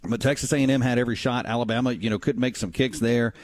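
A man's voice: mid-range voice, fairly even intonation, fast talker, dry recording. A man hosting conversational sports talk on radio, close on a studio microphone. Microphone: dry studio microphone.

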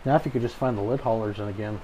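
A man's voice: on the low side, very fast, warm tone, slight background noise, rough recording. An American man hosting a podcast in a casual chat, with an easygoing, folksy good ol' boy way of talking. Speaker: podcast host.

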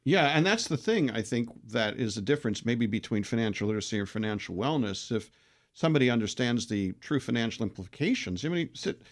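A man hosting an interview, asking leading questions and sharing personal anecdotes in a lively way. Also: medium pitch, a little fast. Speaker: interview host. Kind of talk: conversational interview.

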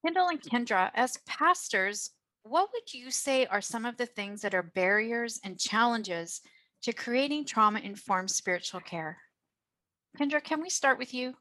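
A woman's voice: a little high, lively intonation, measured pace, sharp tone. A woman hosting a podcast, introducing and moderating the discussion in a scripted style. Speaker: podcast host and facilitator.

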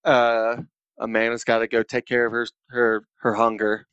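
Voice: medium pitch, level tone, normal speed, a bit bright, clear, resonant tone, no room sound, highs cut off. Laid-back blunt podcast co-host, dry sound. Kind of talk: casual chat.

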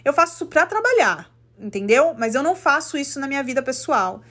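Animated Brazilian woman telling a story. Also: high voice, a little fast. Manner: animated, indignant, acts out quotes. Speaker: podcast host. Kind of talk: casual storytelling monologue. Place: living in the United States.

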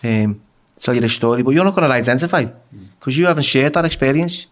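This English man, a guest in a casual interview, tells raw prison stories at a quick pace in a mid-range voice. He swears freely and tends to stammer and repeat words.

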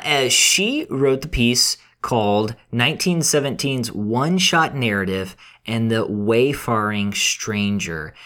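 A man co-hosting a film review podcast, chatting conversationally with some quick bursts. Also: mid-range voice, sharp tone. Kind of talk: casual podcast chat.

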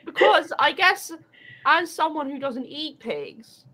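A woman's voice: sits high, big pitch swings, slow pace, pushed and bright. A woman chatting casually as a stream co-host, given to rambling explanations. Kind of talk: casual chat.

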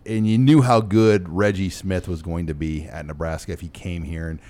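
A man's voice: low-pitched, steady tone, normal speed, a little mellow. A man hosting a casual sports talk show, joking and teasing his co-hosts. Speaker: host.

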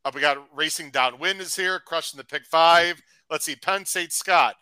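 A man hosting a live racing podcast, chatty and upbeat, reading out shout-outs to viewers. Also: fairly high pitch, normal speed, clear, resonant tone, dry recording, low-quality recording. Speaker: podcast host. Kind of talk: casual live-stream chat.

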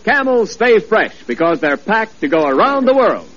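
A man's voice: high-pitched, very animated, moderate pace, over loud music. A man giving a polished 1940s radio announcement for the show and its sponsor. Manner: smooth, polished announcer delivery. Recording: dull old radio recording with orchestra and audience.

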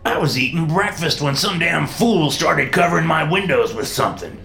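A man's voice: a little high, lively intonation, normal speed, creaky, sharp tone, reverberant, a little hiss or hum, pitched above the performer's own voice, heavily acted. A man voicing a grumpy old male neighbor, complaining in a cranky tone. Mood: indignant.

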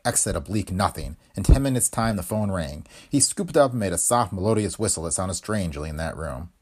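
Husky-voiced man narrating pulp fiction. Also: low voice, a little fast. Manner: vivid, expressive storytelling. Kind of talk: dramatic audiobook narration.

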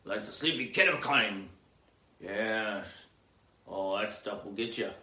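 A man's voice: fairly low pitch, sharp tone, reverberant. A man hosting a comic news bit, reading strange headlines and muttering sarcastic asides as he goes. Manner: slow rambling delivery with muttered sarcastic asides. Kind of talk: offbeat comedic news reading.

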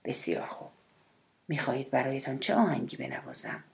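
A woman narrator voicing a shy, hesitant middle-aged male cellist who speaks in a hushed, timid way in an audiobook. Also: rumbling low, creaky, pitched below the performer's own voice, exaggerated voice. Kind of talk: audiobook character voice.

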